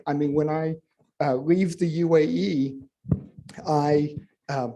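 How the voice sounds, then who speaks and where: A man's voice: fairly high pitch, dark tone. A man from the United States speaking on a conference panel in a conversational way, with frequent fillers. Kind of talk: panel discussion. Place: conference stage.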